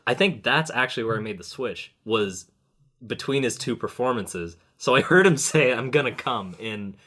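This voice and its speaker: A young man co-hosting a podcast, talking in a loose, animated way, laughing often and swearing casually. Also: medium pitch, normal speed. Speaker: podcast co-host.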